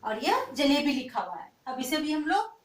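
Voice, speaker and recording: Female teacher for a kids' lesson: high, lively voice, slow and patient, in an echoey room off-mic. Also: recorded from a distance. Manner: slow, sing-song spelling out of letters; patient, questioning tone toward children. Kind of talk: children's language lesson.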